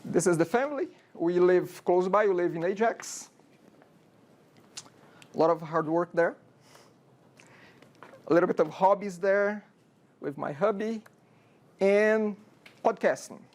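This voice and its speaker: In a university classroom, a programming instructor in his forties from Brazil gives a relaxed lecture in his Brazilian accent, often asking "okay?" and posing rhetorical questions. He has a high, somewhat dark voice and speaks a bit slowly, pausing often.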